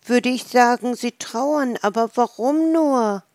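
Small squirrel, cheerful, curious, high-pitched, storybook, woman doing the voice, dry close sound. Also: takes it slowly, darkish tone, no room sound. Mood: puzzled. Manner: wondering, mildly puzzled.

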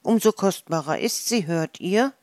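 A woman's voice: on the low side, animated, a little slow, a little mellow, dry recording, studio quality. A woman voicing a small, cheerful and curious squirrel in a storybook, wondering aloud. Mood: exasperated. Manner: wondering, mildly puzzled.

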